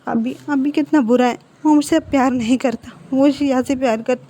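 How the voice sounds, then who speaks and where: A woman's voice: high voice, fairly even intonation, normal speed, dark tone, close to an everyday voice. Sulky, clingy young man, plaintive and tearful; woman narrator doing the voice. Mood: hurt, tearful.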